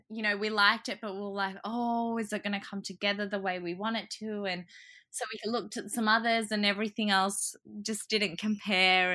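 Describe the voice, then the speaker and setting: A Croatian woman appears as a podcast guest in a casual interview chat, her mid-range voice pushed and bright. She's chatty, laughs often, and acts out the remarks people made.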